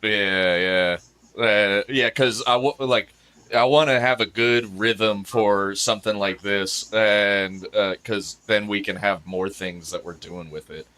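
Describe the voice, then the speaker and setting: A man with a somewhat low voice and a bright, forceful tone. He talks in a casual podcast chat, hesitant and full of fillers and restarts. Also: fairly even intonation, takes it slowly. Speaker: podcast host and event videographer.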